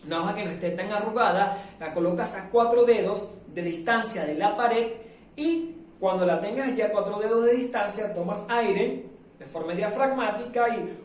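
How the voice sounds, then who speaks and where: A man from Venezuela teaching a live online public speaking workshop, lively and demonstrative, acting out the sounds he describes. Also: sits high, moderate pace. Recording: very echoey room, mic at a distance.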